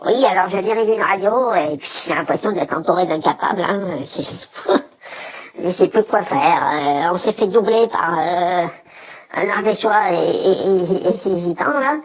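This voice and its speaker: A woman voicing a fed-up radio station boss, rambling complaints, slightly husky voice. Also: lowish voice. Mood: exasperated. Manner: fast, rambling, exasperated complaining.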